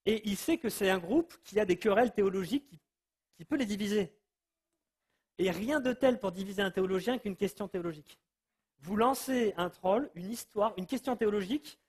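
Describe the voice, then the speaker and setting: A man giving an informal Bible teaching, telling the story in a lively way and acting out the people he quotes. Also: high-pitched, breathy edge. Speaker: preacher.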